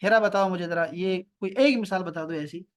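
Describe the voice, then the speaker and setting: Man, Pakistani Urdu accent, online Arabic teacher on a video call; patient, repeats slowly, quizzes students. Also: sits high. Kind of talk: online class lesson. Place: home near an airport.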